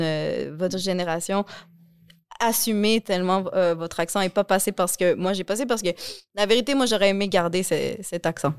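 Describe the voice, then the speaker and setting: A middle-aged woman leads a relaxed interview, her voice at an ordinary mid pitch. She laughs easily and hesitates often between thoughts. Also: clean tone, no echo. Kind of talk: casual interview.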